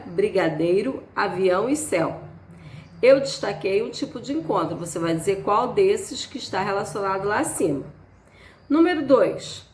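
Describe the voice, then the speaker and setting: A woman teacher, slowly and patiently walking students through a worksheet item by item. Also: mid-range voice. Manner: slow, patient, spells out each item. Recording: echoey room, faint background ambience.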